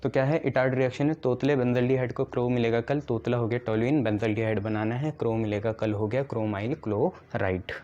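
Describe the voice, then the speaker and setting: In this classroom lecture, a male chemistry teacher speaks in a steady, dark, mid-range voice, fairly quickly and with few pauses. He builds memory tricks one step at a time, asks himself questions and answers them, and frequently checks "ठीक है". The recording is dull and lo-fi.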